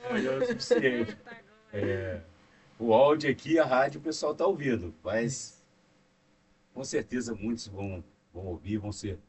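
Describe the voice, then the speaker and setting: A man's voice: medium pitch, big pitch swings, moderate pace. A Brazilian man co-hosting a podcast speaks devoutly and rambles, leaning on frequent fillers. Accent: Brazilian Portuguese. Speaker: podcast co-host. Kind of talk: devout casual conversation. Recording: distant mic with faint noise.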